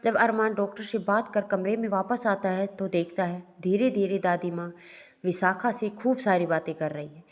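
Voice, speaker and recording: A woman storyteller calmly narrating a romantic story. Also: mid-range voice.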